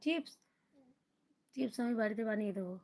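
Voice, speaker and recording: A young woman, a mother on a livestream, talking to her small child in a coaxing, gently scolding, sing-song way. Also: mid-range voice, lively intonation, fairly quick, vocal fry. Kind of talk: casual talk to a toddler on a livestream.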